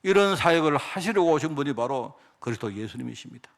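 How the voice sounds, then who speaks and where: Middle-aged male preacher, fairly high voice with a wide, expressive range, emotional, folksy sermon that keeps asking for agreement. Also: quick pace, creaky. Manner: emotional, conversational, asks the congregation for agreement. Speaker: pastor.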